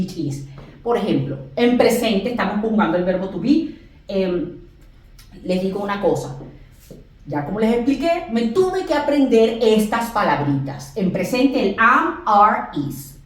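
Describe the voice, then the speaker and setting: A woman's voice: mid-range voice, far from the mic. Echoey woman teacher explaining grammar. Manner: slow, emphatic spelling-out of example phrases. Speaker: English teacher. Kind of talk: classroom lesson explaining grammar. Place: classroom with a board. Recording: very echoey room, voice off-mic.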